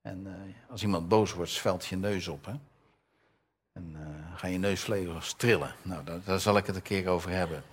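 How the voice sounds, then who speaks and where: At a moderate pace, an older man with a low, husky voice gives a conversational sermon. He quizzes his listeners and raises his voice to read Bible verses aloud.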